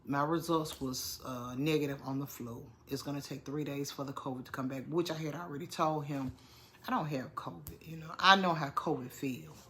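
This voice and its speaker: Speaking at normal speed in a low, slightly bright voice, a congested middle-aged woman vlogs casually to her viewers, feeling under the weather. She repeats herself and addresses them as "y'all," with a little hiss or hum in the recording.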